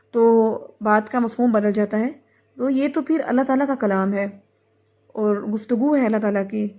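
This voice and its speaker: A woman's voice: fairly high pitch, darkish tone. A woman teaching a recitation class, explaining patiently, stressing key words and asking her students questions as she goes. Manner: patient, explanatory, mixes English terms into speech. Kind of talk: lecture to students.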